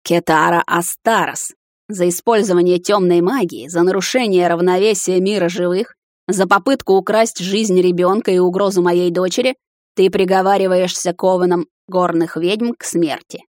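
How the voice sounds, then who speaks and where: A woman's voice: on the low side, steady tone, moderate pace, darkish tone, no room sound, clean studio sound, natural voice. A woman voicing a stern, powerful mother witch who delivers a cold, solemn sentence.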